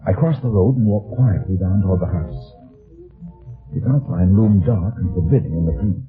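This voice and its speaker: Man playing a low-voiced hard-boiled detective, old radio. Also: lightly acted. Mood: brooding, wry. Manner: deliberate, terse, dry storytelling. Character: hard-boiled fat male private detective, wry, wary. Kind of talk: first-person radio detective narration. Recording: old phone-like radio recording, music behind.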